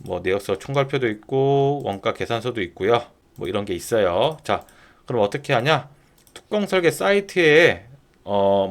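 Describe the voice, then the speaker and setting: This mid-range male voice guides viewers through software on a shared screen, keeping things informal and moving one step at a time. He frequently asks himself questions before answering them.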